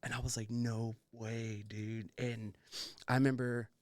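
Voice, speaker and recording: A man's voice: mid-range voice, flat delivery, a little slow, darkish tone, no echo, clean studio sound. A man co-hosting a casual podcast, talking effusively and informally, often repeating himself. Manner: effusive, repetitive, informal with swearing. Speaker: podcast co-host.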